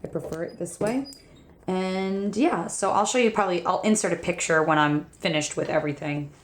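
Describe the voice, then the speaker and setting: A woman's voice: on the low side, moderate pace, slight background noise. Chatty young woman vlogging from her studio. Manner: chatty, rambling, many fillers. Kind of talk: casual studio vlog chat.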